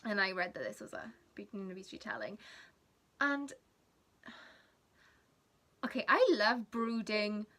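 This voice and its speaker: In this rambling vlog, the speaker is a young woman from Wales, a native Welsh speaker with a Welsh accent, talking casually and giggling now and then. She speaks at medium pitch, unhurried, with long pauses and a bright, forceful delivery.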